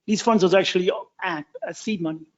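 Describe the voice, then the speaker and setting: A man with a fairly high voice speaks quickly and eagerly, tripping over words as he goes. The sound is dull and lo-fi. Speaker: meeting participant. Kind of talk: casual meeting discussion.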